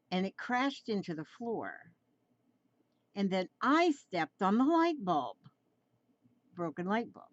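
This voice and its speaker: Seventies woman, drawing tutorial host, rambling coaxing chat, unhurried, dry close recording. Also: on the low side, no room sound, dull audio. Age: 70s. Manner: rambling, repeats phrases, gently coaxing. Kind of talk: relaxed chatty drawing tutorial.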